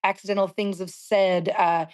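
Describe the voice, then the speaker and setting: Woman in her 40s, singer guest, candid and reflective, mid-pitched voice. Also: little pitch movement, moderate pace, darkish tone. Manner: reflective, searching for words. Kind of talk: candid interview talk.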